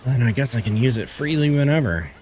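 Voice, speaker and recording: A man's voice: mid-range voice, animated, fast, a little mellow, a little hiss or hum. A man streaming a game, chatting casually and swearing offhandedly. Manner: laid-back, swears casually. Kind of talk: casual chat while gaming.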